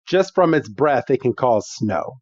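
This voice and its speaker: A man's voice: medium pitch, no echo. A man co-hosting a podcast, chatting and laughing as he retells a cartoon episode. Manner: relaxed, chatty, quick to laugh. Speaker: podcast co-host. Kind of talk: casual recap chat. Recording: dull dry lo-fi mic.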